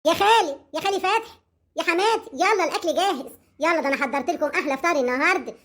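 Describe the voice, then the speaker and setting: A woman's voice: high-pitched, rapid-fire, bright, forceful tone. A woman with an Egyptian accent playing a young village daughter-in-law who talks in a gushing, overly sweet way. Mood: cheerful.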